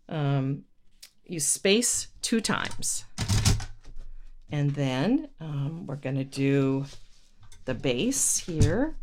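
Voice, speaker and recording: Female instructor, low and unhurried, patient step-by-step counting, noisy recording. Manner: patient, halting step-by-step delivery with self-corrections. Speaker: instructor giving step-by-step craft directions. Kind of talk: instructional lesson, counting aloud. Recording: noisy recording with paper rustle and clicks. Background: paper rustling and clicks.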